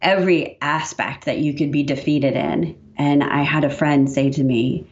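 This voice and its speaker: A woman's voice: low voice, normal speed, muffled recording. A woman guest who writes and speaks, talking earnestly and reflectively in a casual faith conversation. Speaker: podcast guest, author and speaker.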